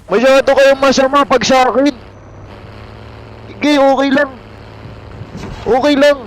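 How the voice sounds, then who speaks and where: A young Filipino man with a light, high voice, chatting and joking with his viewers while he plays a game. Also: flat delivery, measured pace, slight background noise. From Philippines. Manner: joking, self-mocking banter with chat. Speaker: game streamer. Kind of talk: casual live-stream chat while playing.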